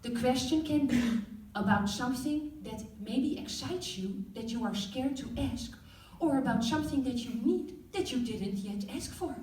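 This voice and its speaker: A woman's voice: fairly high pitch, lively intonation, moderate pace, few pauses, darkish tone, roomy sound, recorded from a distance, pitched above the performer's own voice, close to an everyday voice, poor audio. A woman doing her blunt Dutch-accented mother. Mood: instructive. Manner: blunt, instructive. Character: Dutch mother teaching sex education, matter-of-fact. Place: stage.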